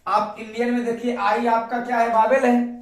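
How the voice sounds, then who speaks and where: An Indian man teaches a grammar lesson as an English teacher in an echoey room, repeating his questions to the students. His voice is extremely high-pitched and level, at a moderate pace, and he sounds far from the mic.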